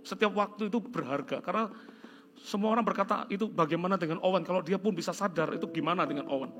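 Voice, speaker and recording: A middle-aged man from Indonesia preaching a sermon, telling a story earnestly and dropping to soft, prayerful tones. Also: high-pitched, fast talker. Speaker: pastor. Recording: music playing behind. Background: soft guitar music.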